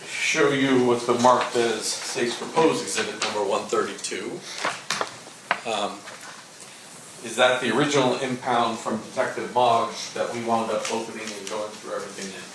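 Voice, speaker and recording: A man's voice: fairly low pitch, steady tone, moderate pace, background noise. Man questioning a witness, echoey courtroom recording. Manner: methodical, leading questions with frequent "uh" and "um". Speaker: prosecutor.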